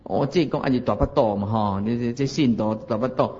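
A man's voice: mid-range voice, brisk, darkish tone, breathy edge. A man with a Taiwanese Hokkien accent, a Buddhist monk giving a folksy sermon with chuckles and rhetorical questions. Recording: dull lo-fi recording.

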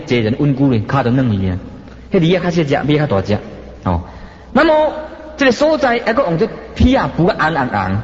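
A man preaching a Buddhist sermon in a Taiwanese Hokkien accent, with dramatic, swooping emphasis. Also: on the high side. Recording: dull echoey hall.

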